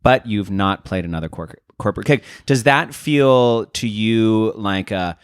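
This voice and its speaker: A man's voice: lowish voice, measured pace, clear, resonant tone, dry recording, clean studio sound. A man hosting a podcast, asking thoughtful, probing questions. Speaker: podcast host. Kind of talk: interview conversation.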